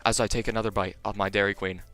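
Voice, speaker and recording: A man's voice: lowish voice, fast talker, faint music behind. A young man reading a visual novel aloud on a live stream, joking with his chat between lines. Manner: animated, jokey, chatting to viewers between lines.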